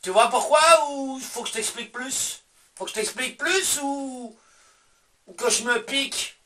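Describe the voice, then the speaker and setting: A man's voice: very high-pitched, unhurried, sharp tone. Belgian-accented male vlogger, mocking casual rant, distant from the mic. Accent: Belgian French. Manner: sarcastic, swears, talks back to himself in asides. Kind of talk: casual ranting monologue.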